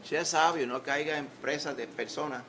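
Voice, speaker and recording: With a little hiss or hum in the recording, a man's slightly high, pushed, bright voice moves at normal speed. He's a Puerto Rican Spanish-accented pastor preaching conversationally in a church sanctuary, with humor and rhetorical questions.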